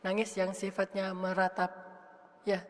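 A woman's voice: medium pitch, monotone, unhurried. A woman religious teacher giving a casual, humorous sermon, chatting with and questioning her audience. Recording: echoey hall reverb.

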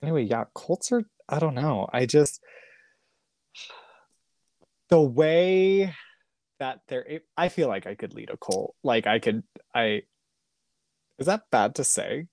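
A man chatting on a casual podcast in an easygoing, rambling way. He drawls out his words slowly, laughs often and leaves sentences half-finished. His voice sits at an ordinary middle pitch. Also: animated, darkish tone, dry recording. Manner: rambling, giggly, trailing off mid-thought. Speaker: podcast co-host. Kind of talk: casual chat.

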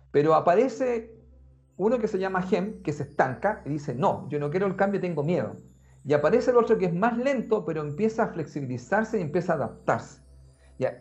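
A man, talking in a casual, animated way and speaking straight to the listener. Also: high-pitched. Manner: animated, conversational, addresses the listener directly. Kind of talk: casual explanatory talk. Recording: muffled lo-fi sound with faint music.

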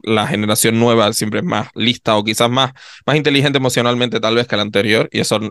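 A man co-hosting a podcast in casual chat, expressive and full of little tag questions. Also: medium pitch, a little fast, no echo, clean studio sound. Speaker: podcast co-host.

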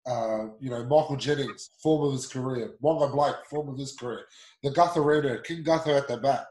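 A man's voice: mid-range voice, fairly quick, darkish tone, echoey room, low-quality recording. A man hosting a sports talk show, blunt and swearing freely as he rants. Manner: blunt, swearing, heated ranting.

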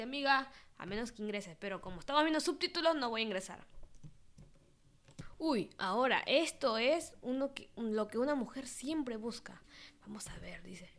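A young woman, casually reading out search suggestions and adding playful, wry asides as a vlogger. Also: on the high side.

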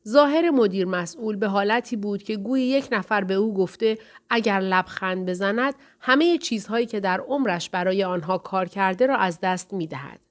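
A woman narrating an audiobook in a calm, even storytelling manner. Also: medium pitch.

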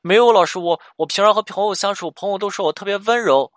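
An anxious young woman pours out her self-blame in a high, pleading voice, as a man quotes her. The pitch jumps around a lot, and the sound is close and dry. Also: expressive, quick pace, no echo. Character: distressed young woman client, self-blaming.

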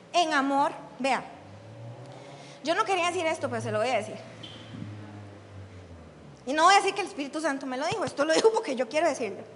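A woman's voice: very high voice, fairly bright tone, big-room sound, slight background noise. A woman preaching a sermon as the church's lay leader, blunt and teasing, firing questions at the congregation. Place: church hall.

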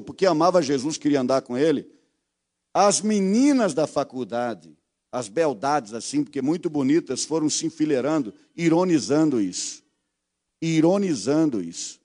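A man with a Brazilian Portuguese accent preaching a sermon, speaking intimately to listeners and swinging from hushed tones to fervent appeals. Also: a little high.

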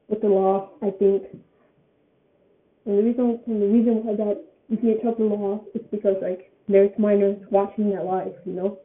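An eighteen-year-old woman giving her opinion in a casual vlog, rambling and often repeating her phrases. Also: mid-range voice. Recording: tinny phone-like sound.

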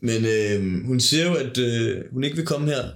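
A man speaking as a podcast guest in casual chat, halting and subdued. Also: medium pitch, lively intonation, roomy sound.

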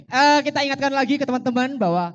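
A man's voice: very high voice, lively intonation, fast, a bit bright, highs cut off. A man with a Javanese accent emceeing a live music night in a coffee shop, teasing his co-host and mixing formal announcements with banter. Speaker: event MC. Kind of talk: joking live event banter.

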